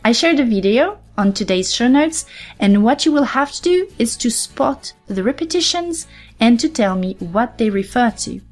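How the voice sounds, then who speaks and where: A woman hosting a podcast language lesson, explaining step by step and slowly repeating example phrases. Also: a little high, expressive, soft background music. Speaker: French teacher and podcast host.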